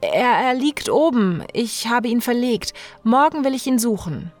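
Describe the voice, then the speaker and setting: A woman's voice: a little high, expressive, normal speed, gravelly, a bit bright, soft background music, pitched above the performer's own voice. A woman voicing a frightened young wife in mortal danger who pleads and cries out in panic. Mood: flustered. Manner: flustered, pleading, crying out.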